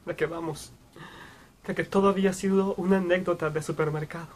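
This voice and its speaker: A young man acting a dramatic monologue as a guilt-ridden brother, sorrowful and anguished, with halting delivery. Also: high-pitched, steady tone, close to an everyday voice. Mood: grieving. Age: young adult. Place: small room, indoors.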